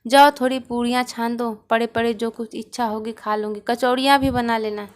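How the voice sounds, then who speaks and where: A groaning, self-pitying old mother in a spoken storybook, as a woman narrator puts her on. The voice sits a touch high and carries a lamenting, sly edge throughout. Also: fairly even intonation, moderate pace, lightly acted. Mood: sarcastic.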